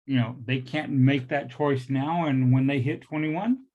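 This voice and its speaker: A man's voice: mid-range voice, unhurried. Muffled man in his late fifties, slightly awkward articulation. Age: late 50s. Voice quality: slightly awkward articulation from new full-mouth dental implants. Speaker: liquor store owner addressing a public meeting. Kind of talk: earnest unscripted remarks at a public meeting. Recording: dull, muffled lo-fi meeting audio.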